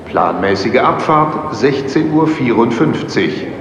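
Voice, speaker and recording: Man making a slow train station announcement. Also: mid-range voice, expressive. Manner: slow, clear, formal. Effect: train station loudspeaker announcement. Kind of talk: scripted announcement for a listening exercise. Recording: echoey, muffled station hall with noise.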